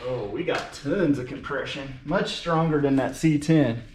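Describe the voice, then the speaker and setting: Working on a car, this man chats in an unscripted, folksy way, half to himself and half to the camera. He has a mid-range voice and speaks a little slowly. The recording echoes and is noisy, with clicks and an uneven distance from the mic.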